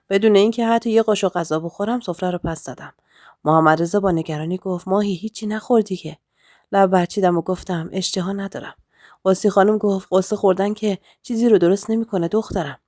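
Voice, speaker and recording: A woman storyteller reading a dramatic family story aloud, voicing all characters softly in her own voice. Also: lowish voice, no echo, clean studio sound. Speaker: storyteller narrator. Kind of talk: scripted story narration.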